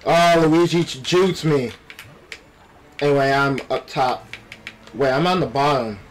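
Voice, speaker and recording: A man giving animated, playful gameplay commentary with exclamations and trash talk, speaking with a retainer in his mouth. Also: fairly high pitch, measured pace, slight background noise. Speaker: gaming video host. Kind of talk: excited live gameplay commentary.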